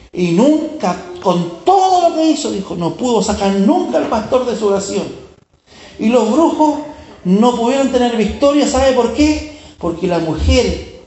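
A man's voice: high-pitched, dark tone, a little hiss or hum. A man preaching a storytelling sermon, often turning to the listener to check they follow. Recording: echoey room.

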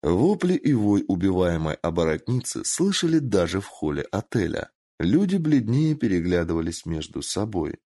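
A man narrating a story aloud with an animated, dramatic delivery. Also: low-pitched, moderate pace, few pauses, husky, dry recording, studio quality. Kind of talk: expressive story reading.

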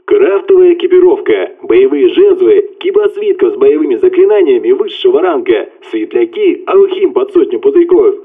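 A man voicing a brash, loud male buddy heard over a phone line, with blunt, rowdy, slang-filled talk. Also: mid-range voice, big pitch swings, normal speed, hardly any pauses, breathy edge, voice pushed up. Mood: boastful. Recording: tinny phone-line sound.

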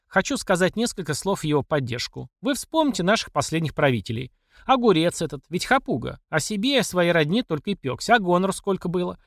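A man's voice: sits high, big pitch swings, quick pace, no room sound, clean studio sound, voice pushed up. A man voicing an outspoken older village woman who scolds and rallies a crowd in a folksy way. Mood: rallying.

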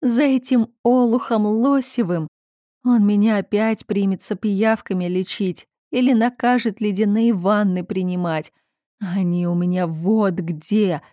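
A woman's voice: medium pitch, dark tone, no echo, studio quality, lightly acted. A woman voicing a hysterical, melancholy young noblewoman who sobs and lashes out. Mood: distraught. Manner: sobbing, drawn-out, raised outbursts.

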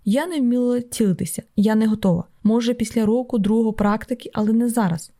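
A woman reads an audiobook in the first person, her voice sitting a little high. The tone is warm and mellow rather than bright. Her delivery is steady and measured, a scripted narration.

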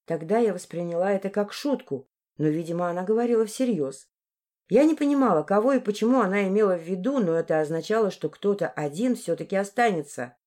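A woman reading a first-person fantasy audiobook in an even, storytelling delivery. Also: mid-range voice, fast. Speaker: audiobook narrator.

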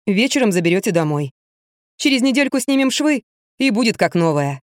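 A woman voicing a booming middle-aged male head veterinarian who speaks loudly and briskly, in an audiobook reading. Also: very animated, no echo, studio quality, lightly acted. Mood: brisk announcing. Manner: loud, commanding. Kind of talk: audiobook character voice.

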